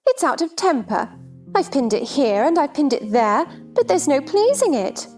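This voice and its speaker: A giddy, scatterbrained queen cries out in a high, swooping voice, fussy and fluttery, helpless yet insisting on nonsense. She is very animated and a little mellow at a moderate pace, in theatrical children's storybook drama with faint music behind her.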